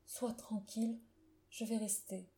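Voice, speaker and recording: A woman's voice: a little high, fairly even intonation, normal speed, mellow, close to an everyday voice. A woman reading the part of a grieving young husband who murmurs and stammers. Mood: hushed grief.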